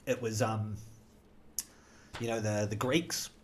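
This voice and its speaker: A man's voice: lowish voice, fairly even intonation, slow pace, slight background noise. A man chatting casually while gaming, rambling off on jokey tangents. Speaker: gaming streamer.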